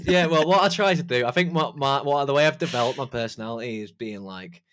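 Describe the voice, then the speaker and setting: A man chatting as a podcast guest, talking hesitantly with restarts. His mic input is set too high, so his voice clips and distorts. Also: fast talker, a bit bright, slight background noise. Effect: clipping, distorted overloaded mic. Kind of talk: casual conversation. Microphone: remote call mic with input level set too high.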